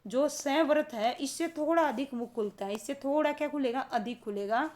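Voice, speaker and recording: A woman teaching a grammar lesson for exam students, who keeps asking the class questions and answering them herself and slows down to stress key terms. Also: high-pitched, darkish tone.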